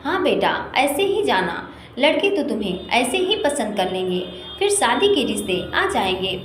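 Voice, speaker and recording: Elderly grandmother voiced by a woman, gentle, motherly, high voice, echoey room with faint noise. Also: very animated, moderate pace. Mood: comforting. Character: elderly grandmother, loving and reassuring.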